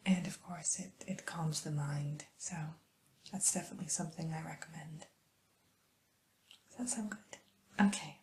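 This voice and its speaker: A woman whispering softly and soothingly as a spa receptionist in an ASMR roleplay, with gentle hesitant pauses. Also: deep voice, steady tone, a little hiss or hum. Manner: soft unvoiced whisper, slow and soothing.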